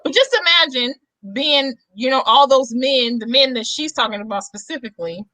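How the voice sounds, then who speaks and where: A woman's voice: high voice, normal speed, bright, forceful tone, dry recording. A woman co-hosting a casual chat podcast, blunt and emphatic. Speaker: podcast co-host.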